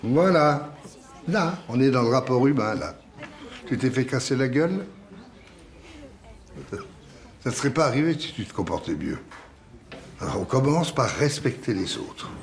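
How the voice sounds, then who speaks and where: Tough old boxing coach, blunt, bossy, mid-pitched voice, film dialogue. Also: male voice, very animated, unhurried, pauses often. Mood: commanding. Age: older. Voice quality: blunt, commanding, instructive. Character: gruff older male retiree, tough boxing mentor. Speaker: retired boxer coaching a young man.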